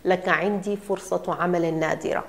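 A powerful boss makes smooth offers and icy threats, as a woman narrator puts him on. His voice is calm, cold and controlled. It is a storybook reading. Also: fairly low pitch, moderate pace, natural voice. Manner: coldly threatening. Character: menacing male drug company director, cold and smooth.

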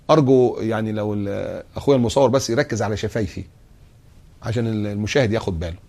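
Egyptian preacher guy on tv, talks fast, animated, acts out little scenes. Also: mid-range voice. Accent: Egyptian Arabic. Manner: animated, acts out dialogues and chants phrases slowly. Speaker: Islamic preacher. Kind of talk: televised religious lesson.

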